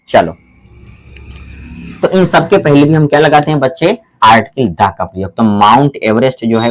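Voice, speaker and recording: A man teaching English grammar in a classroom style. He keeps asking the pupils whether they have understood, calls them "my children", and reads the English examples slowly. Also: medium pitch. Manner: slows right down to read English examples aloud.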